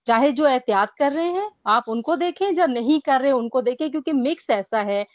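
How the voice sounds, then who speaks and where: Over dry, dull, lo-fi call audio, a woman from Pakistan speaks as an interview guest recovering from covid, earnestly describing her illness. Her high-sitting voice is animated at a moderate pace, though she is tired, a little short of breath and has a mild cough.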